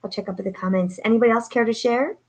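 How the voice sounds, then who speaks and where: Hosting a live-streamed motivational talk from a home setup with no studio, this woman coach sounds upbeat and preacherly, with many fillers. Her voice sits on the high side with a darkish tone, and she races along in fairly even intonation.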